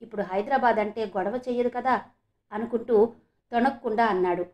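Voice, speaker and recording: A woman reading a story aloud as narrator, in an expressive, emotional way. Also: fairly high pitch, fairly quick.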